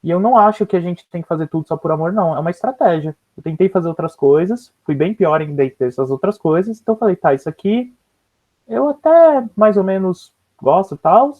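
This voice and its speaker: A man's voice: high voice, animated, fairly quick. A man with a Brazilian Portuguese accent talking informally as a guest speaker, rambling with slangy fillers and restarts. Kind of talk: casual discussion. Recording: dull lo-fi video call audio.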